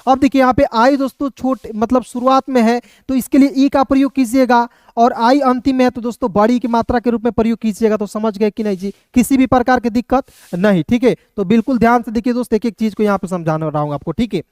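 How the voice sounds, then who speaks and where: High, clear-voiced male teacher. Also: a little mellow, no echo, clean studio sound. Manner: repeats "friends" and "okay" constantly, spells letters slowly. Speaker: English teacher. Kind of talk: classroom lesson.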